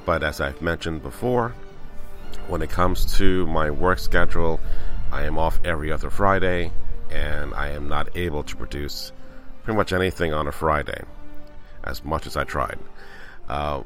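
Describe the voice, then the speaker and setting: A man's voice: rumbling low, moderate pace, a bit bright, soft background music. A man hosting a casual solo podcast from his backyard, chatty and rambling, his voice a little scratchy this morning. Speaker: podcast host. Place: outdoors in a backyard.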